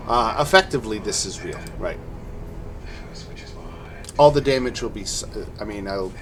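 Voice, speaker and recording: A man's voice: on the low side, animated, moderate pace. A man running an online tabletop game as game master, narrating scenes and explaining rules. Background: music.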